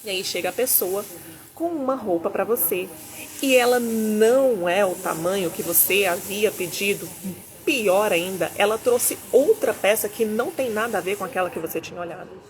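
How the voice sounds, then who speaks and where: Animated woman telling business stories. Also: medium pitch, normal speed. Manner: animated storyteller, voices both sides of dialogues. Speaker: business consultant. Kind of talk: teaching talk with acted-out anecdotes. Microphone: Bluetooth mic.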